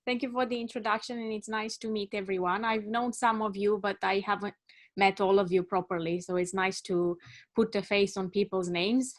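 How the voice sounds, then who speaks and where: A woman in her thirties, from Romania, giving a measured talk as a journalist on a video call and correcting herself as she goes. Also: medium pitch, fairly even intonation. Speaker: journalist speaking on a panel.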